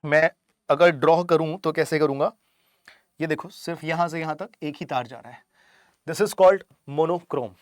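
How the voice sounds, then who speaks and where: Guy teaching english words for exam prep, voice a bit high, dry close mic. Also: no echo. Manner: explains in Hindi, reads English examples slowly. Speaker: vocabulary teacher. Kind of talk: online exam-prep vocabulary lesson.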